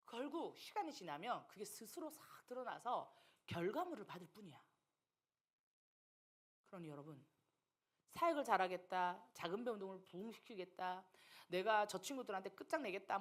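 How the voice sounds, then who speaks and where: A woman missionary preaching a sermon to young people, animated and teasing, acting out the voices of people she quotes. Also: medium pitch.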